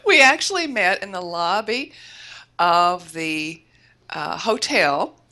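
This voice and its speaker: A woman from Florida, a guest mindset coach, telling a lively story in an interview and correcting herself as she goes. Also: fairly low pitch, slow. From Florida, USA. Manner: lively storyteller, self-correcting, laughs often.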